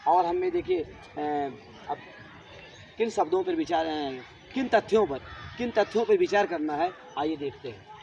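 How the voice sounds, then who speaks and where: Male teacher, high-pitched, drilling a class with repeated questions; faint outdoor noise behind. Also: measured pace, a little mellow, dull audio. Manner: repetitive, asks students questions. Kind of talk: classroom grammar lesson.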